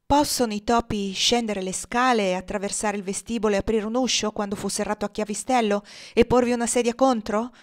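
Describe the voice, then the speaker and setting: A woman reading the part of a calm, cunning enslaved woman who speaks with icy mockery. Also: medium pitch, natural voice. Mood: mocking. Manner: icy and mocking, slow and quiet.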